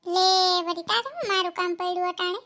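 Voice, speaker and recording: A woman's voice: very high voice, fast, pushed and bright. A woman voicing a curt, snappy cartoon neighbor. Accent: Kathiawadi Gujarati. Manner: curt, defensive.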